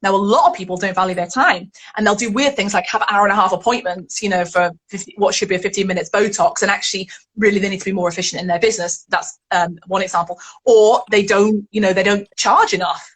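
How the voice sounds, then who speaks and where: A woman's voice: medium pitch, fast, a bit bright, husky. A woman, a guest in an interview, telling stories animatedly and acting out the reactions she quotes. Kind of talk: podcast interview conversation.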